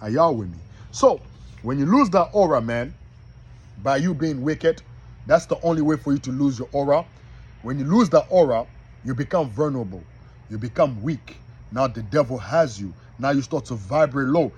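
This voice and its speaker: Husky-voiced man preaching casually. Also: mid-range voice, animated, normal speed, darkish tone, low-quality recording. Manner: folksy, repeatedly checks in with listeners. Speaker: online preacher. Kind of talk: informal preaching to camera.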